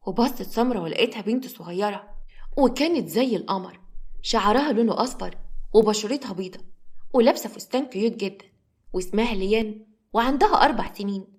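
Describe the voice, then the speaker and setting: Fast-talking Egyptian woman storyteller. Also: mid-range voice, animated, darkish tone. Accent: Egyptian Arabic. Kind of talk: dramatic story narration.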